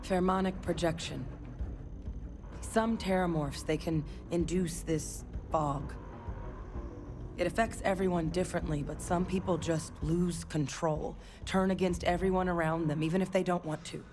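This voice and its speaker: Low-pitched, seasoned woman officer, as acted, over music. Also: fairly even intonation, moderate pace, close to an everyday voice. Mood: grave, instructive. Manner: businesslike, explanatory, urgent under threat. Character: seasoned, steady female officer companion. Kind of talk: video game dialogue.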